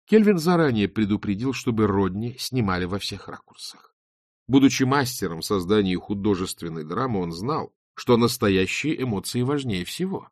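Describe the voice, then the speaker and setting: A man's voice: on the low side, normal speed, dry recording, clean studio sound. A man narrating an audiobook expressively, acting out every character. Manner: expressive, theatrical. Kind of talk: audiobook reading with character voices.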